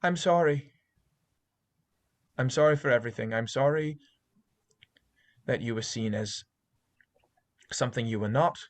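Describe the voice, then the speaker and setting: A man's voice: mid-range voice, unhurried, long pauses, no room sound, natural voice. A man voicing a flustered, remorseful male professor in a tabletop game who apologizes earnestly. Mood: apologetic.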